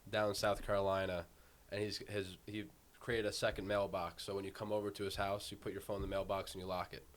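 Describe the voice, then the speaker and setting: A young man, co-hosting a podcast and telling quick, chatty stories. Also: low-pitched, level tone. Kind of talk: casual podcast conversation.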